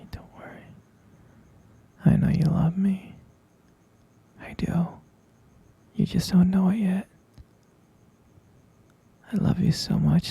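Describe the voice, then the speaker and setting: A performer in a whispered role-play, voicing an obsessive, doting captor lover in a sappy, cooing, breathy and creaky whisper. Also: mid-range voice, warm tone, exaggerated voice.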